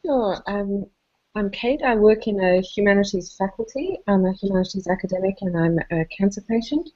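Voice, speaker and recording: A woman's voice: mid-range voice, normal speed, warm tone. A woman academic introducing herself casually. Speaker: humanities academic, participant. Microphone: video call. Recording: dull lo-fi video call audio.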